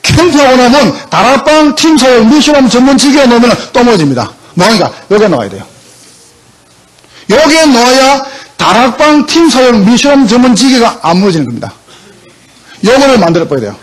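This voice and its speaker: A man's voice: very high voice, sing-song, fairly quick. A male pastor preaching a sermon emphatically, often asking the congregation questions.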